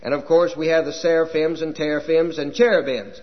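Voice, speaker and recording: A man preaching a sermon as a chaplain, with a folksy, halting delivery full of fillers. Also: on the high side, fairly even intonation. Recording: dull lo-fi old recording with long reverb.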